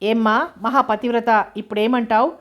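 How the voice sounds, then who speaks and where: A woman's voice: fairly high pitch, steady tone, moderate pace, a bit bright, close to an everyday voice. A woman voicing a harsh, domineering middle-aged aunt who scolds and sneers, in a novel reading. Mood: furious. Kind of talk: audiobook character reading.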